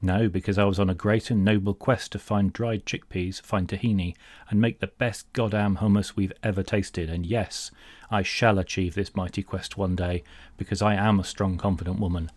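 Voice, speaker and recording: Low-voiced British man, mock-pompous and exasperated. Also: steady tone, moderate pace, a little mellow, no echo. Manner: mock-pompous, grandiose phrasing; exasperated, sarcastic. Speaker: humorous monologue host. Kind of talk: comedic rant monologue.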